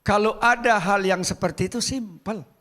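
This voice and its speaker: A male pastor preaching a sermon at a church service, speaking in short emphatic bursts that repeat phrases and pause between words. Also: high-pitched, a bit bright. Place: church service, live-streamed.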